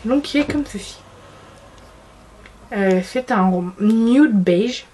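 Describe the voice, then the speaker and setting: A woman's voice: a little high, takes it slowly, warm tone. Young woman, beauty vlogger, chatty, giggly, self-mocking, casual camera-mic sound. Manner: chatty, giggly, self-deprecating, frequent restarts. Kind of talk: casual makeup favorites chat.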